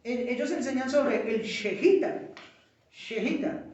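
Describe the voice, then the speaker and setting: A man teaching a small group in a relaxed way, explaining step by step and checking in with his listeners. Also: very high voice, a little slow, lo-fi sound. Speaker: Bible study teacher. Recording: echoey room, mic far off.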